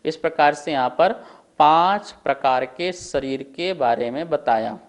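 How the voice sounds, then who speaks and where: A man teaching a scripture lesson at a board, slowly and deliberately drilling the pronunciation of each word. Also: a little high. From India.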